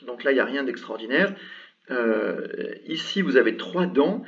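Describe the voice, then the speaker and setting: A man teaching an Arabic lesson, explaining patiently and sounding out example syllables slowly with many hesitations. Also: mid-range voice, expressive, a bit bright. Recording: dull sound from a distance from the mic.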